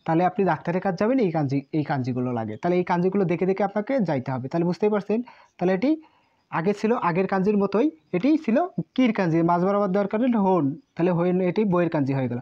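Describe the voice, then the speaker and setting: A patient woman, a Japanese language teacher, explains kanji in Bengali and drills each word several times over. Her voice sits on the low side, and the audio is muffled and lo-fi.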